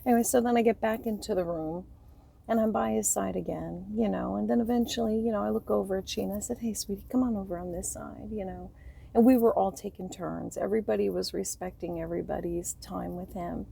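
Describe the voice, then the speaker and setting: Gravelly-voiced grieving woman, rambling softly. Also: mid-range voice, steady tone, brisk. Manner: rambling, soft and tearful, trailing off often. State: grieving, voice breaking. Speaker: vlogger. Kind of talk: personal storytelling to camera.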